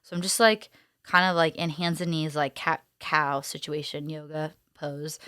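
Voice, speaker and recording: A young woman in her twenties casually telling a personal story, chatty and animated, often saying "like" and acting out what she and others said. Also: deep voice, moderate pace, smooth, no echo, studio quality. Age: 20s. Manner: chatty, heavy use of "like", animated quoting of herself. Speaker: young mother sharing her birth story.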